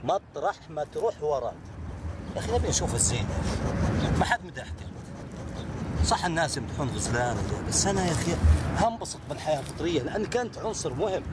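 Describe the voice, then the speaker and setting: A man's voice: a little high, sing-song, fast talker, pauses often, heavy background noise. A man filming outdoors near a farm, chatting casually and teasing the animals he finds. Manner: playful, teasing, talks to the animal. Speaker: nature vlogger.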